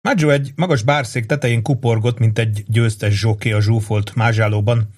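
A man narrating a novel as an audiobook, in a steady storytelling manner. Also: medium pitch. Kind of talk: scripted narration.

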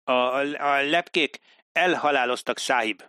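A man's voice: mid-range voice, sharp tone, no room sound, studio quality, pitched above the performer's own voice, natural voice. A man voicing a humble, nervous middle-aged clerk in an audiobook, hesitant and deferential.

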